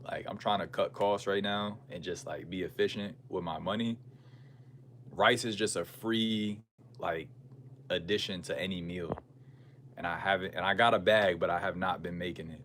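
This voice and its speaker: A man's voice: low voice, steady tone, normal speed, fairly bright tone. An American man in a casual livestream chat, musing aloud in slangy, conversational talk as he answers viewers. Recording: clear background noise and ambience.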